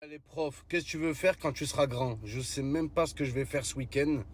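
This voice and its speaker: Higher-voiced man ranting in French street slang. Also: fairly quick, husky, no echo. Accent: French urban street. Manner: exclamatory, mock-indignant storytelling. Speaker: comedian telling stories to the camera. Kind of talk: casual comic rant in French street slang.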